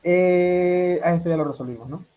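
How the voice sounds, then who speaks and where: A man's voice: high voice, moderate pace, warm tone, rough recording. A man runs an exam review for medical students. He fires questions at the class and repeats each answer back to them. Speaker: medical tutor.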